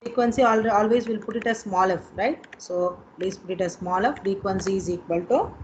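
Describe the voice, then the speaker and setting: Female Indian-accented lecturer, mid-pitched, instructive and repetitive, coaching students over a lo-fi, slightly noisy online call. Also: brisk, darkish tone. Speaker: engineering lecturer. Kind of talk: online exam coaching lesson. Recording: dull lo-fi online call with noise.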